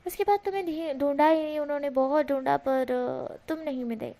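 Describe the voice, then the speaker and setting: A woman's voice: high-pitched, fairly quick, warm tone. A woman doing a sly flirting fox man. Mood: teasing.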